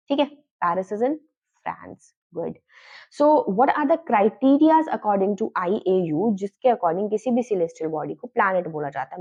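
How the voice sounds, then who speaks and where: Woman teacher with a mellow voice. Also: mid-range voice, lo-fi sound. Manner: asks questions and answers them herself, mixing in English phrases. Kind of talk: classroom lecture.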